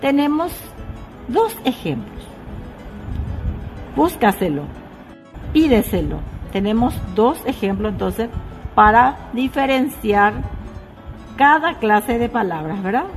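A woman teaching a lesson, measured and repeating key points, dropping her voice on examples. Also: fairly high pitch, lively intonation, soft background music. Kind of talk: slow classroom explanation.

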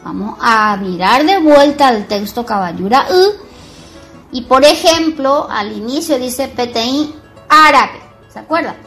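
A woman teacher explaining marks, talking slowly and repeating words to make a point. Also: sits high, expressive, fairly bright tone, soft background music. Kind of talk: bilingual Guarani and Spanish grammar lesson.

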